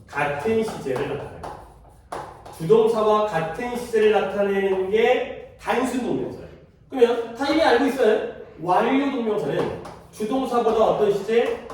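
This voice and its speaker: A man teaches grammar to a cram school class, questioning students and repeating important terms, in a high-pitched voice with lively intonation, normal speed and a darkish tone. The recording has a little hiss or hum, with echo and distance from the classroom.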